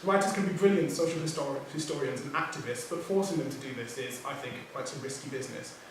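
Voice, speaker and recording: A poet on a writers' panel, a native English-speaking man of Nigerian heritage raised outside Nigeria, reads a prepared talk at medium pitch in a measured way, making small self-corrections. He is recorded from far off in an echoey theatre hall with background noise.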